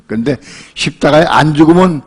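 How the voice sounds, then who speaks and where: An older male pastor preaching a sermon in a relaxed, colloquial way, telling a personal story and acting out the voices in it. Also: fairly high pitch, normal speed, husky. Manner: colloquial storytelling, acts out quoted voices and laughs often.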